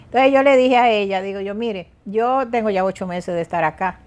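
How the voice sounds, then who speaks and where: Older woman talking with lively emphasis. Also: medium pitch, brisk. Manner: lively, emphatic, frequent hesitations and repeats. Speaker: guest. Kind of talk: casual interview talk. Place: TV studio set.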